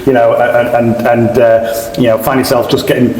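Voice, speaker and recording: Middle-aged Sheffield man, podcast guest, halting restarts, long room echo. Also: mid-range voice, little pitch movement, darkish tone, slight background noise. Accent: Sheffield English. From England. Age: 40s. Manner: frequent restarts and repeated words. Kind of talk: casual interview. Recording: echoey room with faint ambience.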